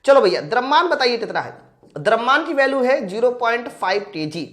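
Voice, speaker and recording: Speaking briskly in an extremely high, somewhat bright voice with big swings in pitch, a male physics teacher talks directly to his students. He works problems out loud for exam prep, raising questions and resolving them on his own.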